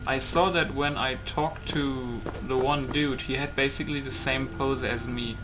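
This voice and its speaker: A gaming video maker, a man with a medium-pitched, fairly level voice, rambles casually through a playtest, thinking out loud at a moderate pace. Music and game noise sit behind him, and the recording quality is low.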